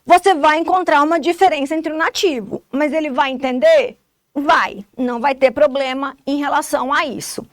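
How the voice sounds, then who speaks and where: A woman teacher with a Brazilian Portuguese accent and a high voice walks through a recorded lesson. She explains each point step by step and keeps checking understanding with short tags. The sound is close and dry. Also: dry recording. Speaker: English teacher.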